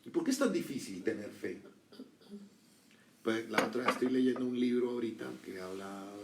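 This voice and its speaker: A middle-aged man preaches in a loose, chatty way, tossing out rhetorical questions and acting out short exchanges. His voice has a gravelly edge, and he sounds a little off-mic in a roomy, echoing space. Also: mid-range voice, expressive, normal speed, very noisy. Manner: conversational preaching with rhetorical questions and acted quotes. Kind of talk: sermon. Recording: echoey room, voice from a distance.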